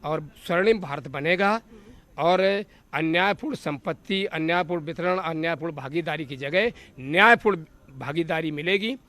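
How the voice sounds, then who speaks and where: A man with a fairly high voice answers a reporter like a political speech. He piles up repeated phrases for emphasis. The delivery stays steady and declamatory. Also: normal speed, no echo. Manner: rhetorical, listing slogans. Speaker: politician, legislator.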